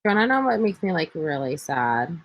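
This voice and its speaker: A woman's voice: sits low, sing-song, fairly quick, no room sound, low-quality recording. A woman co-hosting in casual chat over a video call, playful and teasing. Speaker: co-host. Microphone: video call mic.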